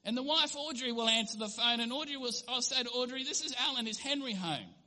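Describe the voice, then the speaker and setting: A man preaching with a high, very bright and ringing voice. He delivers an earnest sermon and now and then acts out small scenes in different voices. His words trail off into a long reverb, as in a church hall. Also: lively intonation, fast talker. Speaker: pastor.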